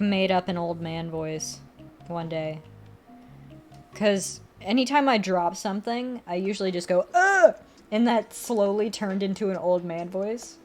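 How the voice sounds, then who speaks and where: A woman's voice: on the low side, darkish tone. A young woman streamer chatting casually while drawing, rambling and correcting herself, often laughing.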